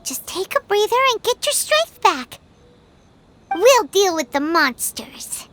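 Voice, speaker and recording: Very high, squeaky little fairy companion. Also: female voice, big pitch swings, slow, a bit bright, a little hiss or hum, full character voice. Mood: reassuring. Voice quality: squeaky, childlike. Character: small childlike female fairy companion, earnest and concerned. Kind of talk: video game cutscene acting.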